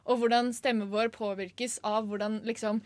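A woman's voice: a little high, level tone, no echo. Female radio co-host, giggly and rambling, dry studio sound. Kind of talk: casual radio chat.

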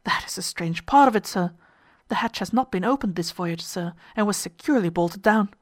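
A woman's voice: mid-range voice, animated, moderate pace, close to an everyday voice. A woman voicing a dutiful male chief officer who reports in a grave, formal way.

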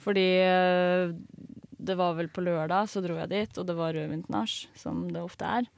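A woman's voice: on the low side, fairly even intonation, gravelly, a little hiss or hum. A young woman co-hosting a radio show, chatting and telling a funny story with lots of laughing and English phrases mixed in. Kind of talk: casual chat and storytelling. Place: radio studio.

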